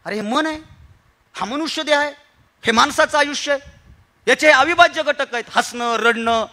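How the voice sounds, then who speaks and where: A man with a Marathi accent giving a humorous motivational kirtan talk, moving from quiet storytelling to emphatic exhortation with rhetorical questions and repetition. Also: extremely high pitch, moderate pace. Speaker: kirtan speaker. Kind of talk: humorous motivational speech to an audience.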